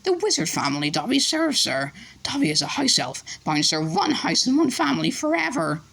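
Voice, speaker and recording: A reader voicing a small, servile male house elf with a high-pitched, squeaky voice who talks about himself by name. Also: very animated, fairly quick, creaky, fairly bright tone, heavily acted. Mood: earnest, fearful. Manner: earnest, speaks of himself by name.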